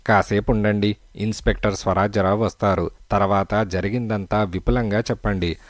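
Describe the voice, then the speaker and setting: A man voicing a calm, firm detective. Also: fairly low pitch, normal speed, no room sound, clean studio sound, lightly acted. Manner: firm, persuasive. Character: calm shrewd male detective.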